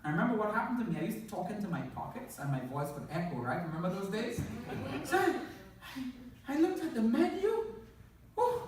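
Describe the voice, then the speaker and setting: A motivational speaker with a Trinidadian accent gives a funny talk to a live crowd in a large hall, his voice high-pitched and fairly quick. He laughs a lot, tells stories with plenty of animation, and puts questions to the audience. The hall is echoey and he sounds far from the mic.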